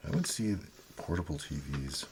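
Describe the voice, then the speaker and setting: A middle-aged man doing soft-spoken ASMR, musing aloud in a near whisper with pauses, over crinkling paper. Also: rumbling low. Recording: steady noise, paper crinkling and clicks. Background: newspaper crinkling and page turning.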